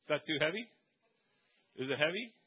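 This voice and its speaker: Animated, slightly husky man preaching. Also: a little high, a little fast, highs cut off. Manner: animated preaching, shouting the calls, joking asides. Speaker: pastor. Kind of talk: sermon.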